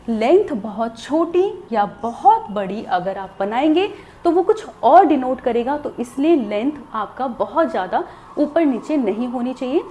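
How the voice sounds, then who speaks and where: Lively high-voiced woman teaching. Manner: patient, explanatory, repeats "theek hai". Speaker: shorthand teacher. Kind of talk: recorded lesson.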